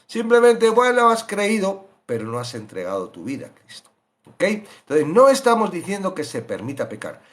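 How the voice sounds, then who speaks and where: A man leads a Bible study in a lively, teaching manner. His voice sits a little high and rises and falls widely as he slips into quick put-on voices of believers.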